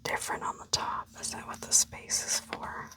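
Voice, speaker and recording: A woman whispering an ASMR unboxing commentary, hushed and unhurried, as if musing aloud to herself. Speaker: unboxing video host.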